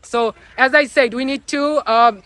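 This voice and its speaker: Young Bengali-native man, high and bright, earnest outdoor pep talk to camera. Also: fairly even intonation, no room sound. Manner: earnest, fast, with frequent fillers and restarts. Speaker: English teaching YouTuber. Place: outdoors among onlookers.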